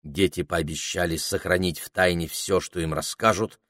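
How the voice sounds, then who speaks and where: A man narrating a children's storybook in an expressive reading voice. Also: deep voice, moderate pace, no echo, clean studio sound. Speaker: audiobook reader.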